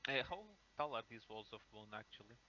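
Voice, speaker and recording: A man joining a tabletop session, asking questions in a casual, hesitant manner. His tone is bright, and the lo-fi mic carries a faint hum of ambience. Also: on the low side, fast talker. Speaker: player. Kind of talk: casual in-game chat.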